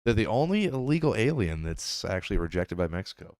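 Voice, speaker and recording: Low, lively man in casual chat. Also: a little fast, no echo.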